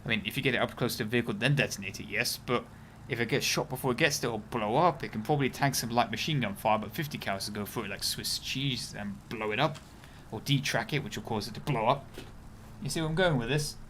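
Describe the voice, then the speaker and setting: A man's voice: mid-range voice, quick pace, a bit bright, a little hiss or hum. A young man streaming a game, rambling chattily through casual commentary and breaking off to react to the match. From United Kingdom.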